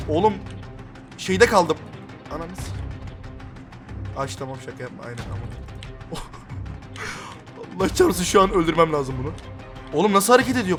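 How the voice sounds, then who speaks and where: A young man giving live commentary on his gameplay, excitable and swearing constantly, with sudden loud outcries. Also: a little high. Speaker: gaming YouTuber.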